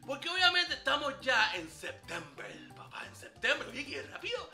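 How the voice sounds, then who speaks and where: Brash flirty ladies' man, very high voice, lively swaggering comedy banter, roomy echo. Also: normal speed, soft background music, heavily acted. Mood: boastful. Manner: swaggering slangy banter, calls listener papá. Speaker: comic character giving dating tips. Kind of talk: comedy sketch monologue.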